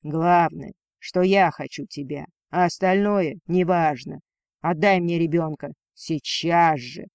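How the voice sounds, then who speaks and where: A man's voice: on the high side, fairly even intonation, dry recording, studio quality. Man playing a cruel, domineering dragon lord. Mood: contemptuous. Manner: slow, contemptuous growl.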